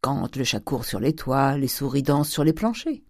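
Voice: medium pitch, sing-song, moderate pace, dry recording, studio quality. A reader voicing a stern, miserly old man who speaks curtly and commands. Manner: curt, controlled, commanding.

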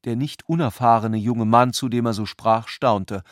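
Narrating a literary radio play, a man speaks at middle pitch with measured, articulate delivery. He's miked very close and dry, and no room sound comes through.

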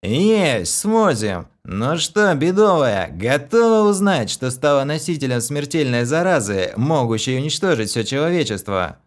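A man voicing a rowdy, hulking young brute who shouts crudely and boisterously. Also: mid-range voice, sing-song, measured pace, hardly any pauses, pitched above the performer's own voice. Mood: mocking.

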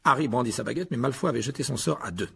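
A man reading a children's fantasy novel aloud as audiobook narration, in an expressive storytelling manner. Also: medium pitch, rapid-fire, gravelly, slightly rough. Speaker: audiobook reader. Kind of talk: scripted narration.

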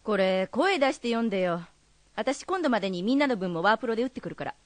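A woman's voice: on the high side, animated, quick pace, no room sound, close to an everyday voice. An actress playing a blunt, matter-of-fact young woman learning rakugo. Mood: terse. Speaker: rakugo student. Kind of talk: film drama acting.

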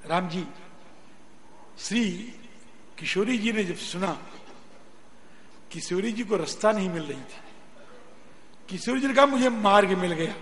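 A man giving a religious discourse, explaining scripture and chanting its verses in a slow, drawn-out way. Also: sits high, expressive, fairly bright tone. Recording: long hall reverb, faint noise.

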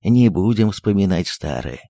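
A man voicing a fussy, sentimental elderly postmaster who speaks low and coaxingly, dropping into whispers. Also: very animated, moderate pace, gravelly, dark tone, husky, no echo, studio quality, heavily acted. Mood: coaxing tender.

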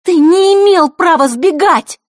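Storybook figure: a high, shouting, hot-tempered young girl, as a woman reader puts her on. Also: lively intonation, unhurried, no room sound, clean studio sound. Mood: furious. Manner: shrill and indignant.

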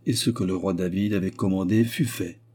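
Guy reading an old story out loud, low husky voice, warm and mellow. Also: fairly even intonation, brisk. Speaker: audiobook narrator. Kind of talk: literary audiobook reading.

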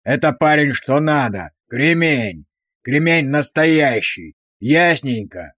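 A man voicing a brutal, abusive male drill sergeant who barks insults with slow, hammering emphasis. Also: mid-range voice, lively intonation, fairly bright tone, no room sound, clean studio sound. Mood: bellowing.

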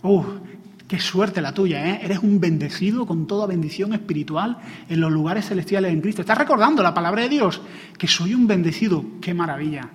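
A male pastor with a Spain Spanish accent preaches with emphatic conviction, often climbing into fervent exclamations. His voice sits high for a man. It carries a long, ringing hall reverb. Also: expressive, brisk. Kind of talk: sermon.

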